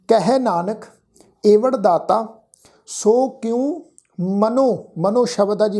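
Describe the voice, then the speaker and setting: Mellow-voiced woman teaching scripture. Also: medium pitch. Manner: slow, drawn-out chanting of verses with careful diction; explains correct pronunciation of verses. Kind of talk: gentle devotional exposition with recitation.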